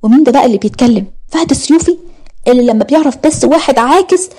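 A woman's voice: high-pitched, lively intonation, very fast, mellow, husky, voice pushed up, heavily acted. A woman voicing a jealous young wife in an audio story, speaking emphatically and pleadingly with an Egyptian accent. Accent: Egyptian Arabic. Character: young wife, jealous, fiery, a medical student.

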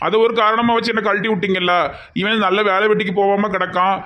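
A man's voice: high-pitched, flat delivery, fast talker, muffled recording, lightly acted. A man voicing a bitter, sarcastic jilted young man in a cartoon, with a Tirunelveli Tamil accent.

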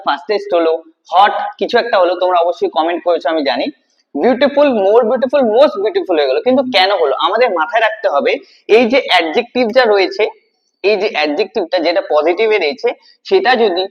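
Male tutor, high voice, quizzes and answers himself, repeats key words; muffled low-fi recording. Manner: asks questions then answers them, repeats key words. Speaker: English grammar teacher. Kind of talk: classroom-style video lesson.

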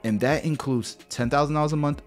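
Speaking right into a podcast mic in his small home studio, this thirtysomething barber business mentor gives a direct, no-nonsense finance lesson to camera, repeatedly saying "guys" and "right." His pitch sits fairly high, his intonation stays fairly even, and he talks fairly quickly over faint background music.

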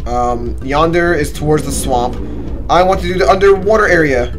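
Young guy streaming a game, slangy and sweary teasing, highish lively voice, faint music behind. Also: normal speed. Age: young adult. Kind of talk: casual gameplay commentary. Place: small indoor room.

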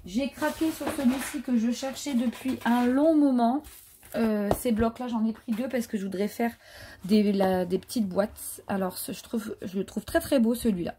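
A woman's voice: a little high, normal speed, noisy background. A woman chatting casually through a craft haul, hesitant and full of fillers. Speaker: craft vlogger. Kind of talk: casual haul show-and-tell.

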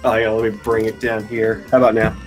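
A man's voice: fairly low pitch, monotone, fast, music in the background. A man chatting casually as a stream co-host from home, his remote mic sounding muffled and boxy, like he is inside a closet. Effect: muffled boxy mic, like talking from inside a closet. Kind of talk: casual chat.

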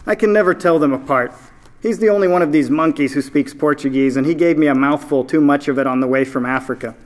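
A man reading aloud, voicing a greedy, loud male slave trader who sneers and yells. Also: a little high, fast talker, close to an everyday voice. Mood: mocking. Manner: yelling, sneering.

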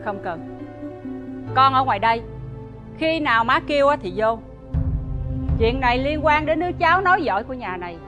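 A woman's voice: high voice, animated, normal speed, long pauses. An actress playing a stern, commanding mother-in-law who runs a wealthy household, faint music behind. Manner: stern, scolding. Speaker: household mistress.

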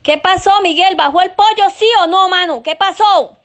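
A woman's voice: extremely high pitch, normal speed. A woman playing an exasperated scolding coastal mother. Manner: nagging, scolding, cursing. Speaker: sketch actor. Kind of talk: comedy sketch acting.

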